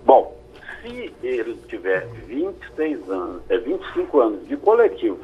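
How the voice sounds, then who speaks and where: A lawyer, answering callers' questions on a radio call-in show in a measured, explanatory way. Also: male voice, mid-range voice, big pitch swings, creaky. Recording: phone-like radio line.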